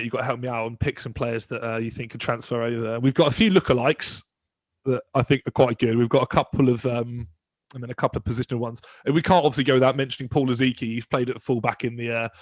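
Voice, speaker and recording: A man co-hosts a podcast in casual chat. He talks quickly and in a chatty way, often restarting his phrases. His voice sits at a middling pitch and is recorded dry and close. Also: dry recording. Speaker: podcast co-host.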